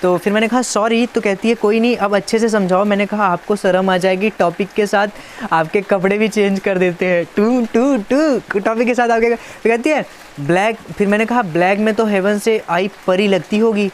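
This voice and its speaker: A man's voice: high voice, steady tone, moderate pace, slight background noise. A man casually reading out a chat and adding teasing, playful comments as a YouTuber. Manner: playful, teasing, reads chat lines aloud.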